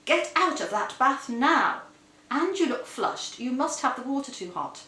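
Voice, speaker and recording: A woman's voice: on the high side, moderate pace, a bit bright, close to an everyday voice. A woman voicing a staid, portly, bossy husband who nags in a pompous tone, in an echoey room. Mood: scolding. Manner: pompous, nagging.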